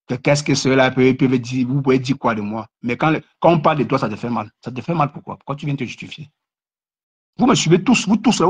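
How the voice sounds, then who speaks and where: Husky male live streamer, mocking and repetitive, muffled lo-fi sound. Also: medium pitch. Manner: mocking, repetitive, stammering restarts. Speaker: live streamer commenting on other creators. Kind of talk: casual live-stream rant.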